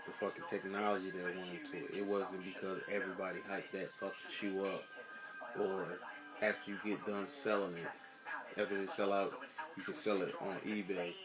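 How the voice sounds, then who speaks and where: American guy w a lowish voice just ranting casually to camera, cussing a lot, blunt, music on in back. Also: rough recording. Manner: blunt, heavy swearing, emphatic repetition. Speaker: sneaker vlogger.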